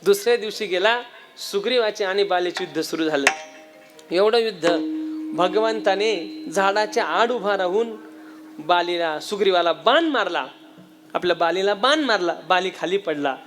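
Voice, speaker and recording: A man with a Marathi accent delivers a devotional kirtan sermon in a fairly high voice. He tells the story vividly and voices its characters himself. He keeps turning to his listeners with questions. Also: moderate pace, over music. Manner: animated storyteller, acts out dialogue, asks the audience questions. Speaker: kirtan preacher.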